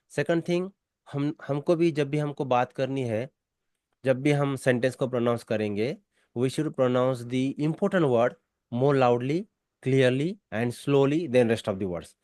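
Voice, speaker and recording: A man's voice: mid-range voice, darkish tone, dry recording, clean studio sound. An Indian man teaching spoken English, explaining in a mix of Hindi and English and repeating his key points.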